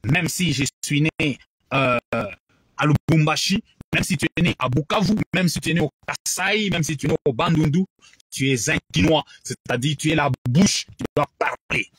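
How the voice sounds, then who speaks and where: Emphatic Congolese man, husky preaching voice. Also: fairly high pitch, normal speed, fairly bright tone, no echo, low-quality recording. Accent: Congolese French. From Democratic Republic of the Congo. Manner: repetitive, emphatic, switching between French and English. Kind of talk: bilingual preaching address.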